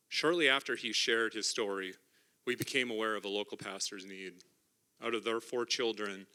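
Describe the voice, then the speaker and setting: A middle-aged man speaking from the front of a church, earnest and a little halting as he reads his testimony from notes. His voice sits low but rings bright and forward. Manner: earnest, halting, with fillers and restarts. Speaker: mission trip team member sharing testimony. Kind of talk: emotional church testimony, partly read from notes. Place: church sanctuary.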